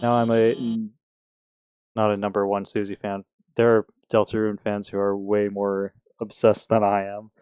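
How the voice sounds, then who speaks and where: A man's voice: fairly low pitch, completely flat delivery, normal speed, darkish tone, smooth, no echo, dull audio. A man casually commenting while playing a video game, talking in a rambling, hesitant way with many restarts.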